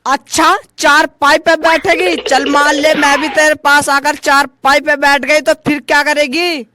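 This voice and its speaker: A man's voice: extremely high pitch, level tone, measured pace, sharp tone, no echo, full character voice. A man voicing a sly, teasing older woman who plays a mother-in-law in a comic sketch. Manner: teasing, goading.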